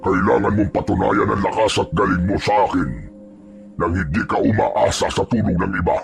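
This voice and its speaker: Man voicing a gravelly vengeful aswang villain. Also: low voice, fairly even intonation, normal speed. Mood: menacing. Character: menacing male aswang hunter villain, vengeful father. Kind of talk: horror story narration. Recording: music playing behind.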